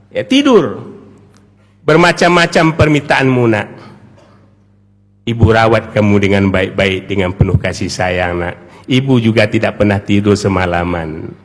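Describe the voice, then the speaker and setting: A devoted mother pours out her sacrifices to her child in a tender, pleading sermon voice, as a man preaching takes her part. The voice sits high and drops to hushed murmurs before rising to anguished cries. It rings out with the long reverb of a large mosque hall. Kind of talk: Ramadan night sermon, dramatic storytelling.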